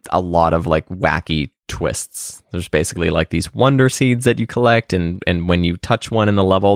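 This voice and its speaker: Deep-voiced and recorded cleanly in a studio without echo, this man co-hosts a podcast. His casual chat rambles along, packed with fillers and restarts.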